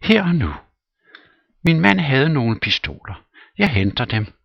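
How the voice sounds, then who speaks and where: Shrieking indignant widow, voiced by a male reader, high squealing pitch, husky edge, dull dry sound. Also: sing-song, no echo, exaggerated voice. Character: shrill outraged young widow.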